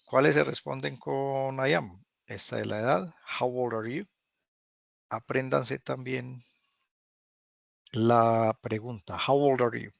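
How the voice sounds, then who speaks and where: Male teacher, heavy vocal fry, dry video-call audio, patient and repetitive. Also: medium pitch, steady tone, no room sound. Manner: patient, repeats phrases slowly for drilling. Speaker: English teacher. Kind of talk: online class teaching.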